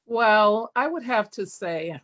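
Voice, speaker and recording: A woman track coach recounting memories on a video call panel, in a measured way. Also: mid-range voice, expressive, fairly bright tone, lo-fi sound. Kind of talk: personal storytelling on a panel.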